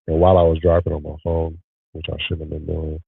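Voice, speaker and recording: A man's voice: rumbling low, fast, vocal fry, husky, no echo, phone-quality sound, faint music behind. A man hosting a podcast in casual chat, congested and nasal, with a scratchy morning voice and a candid, rambling way of telling stories. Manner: candid, rambling, animated storyteller. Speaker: podcast host and content creator.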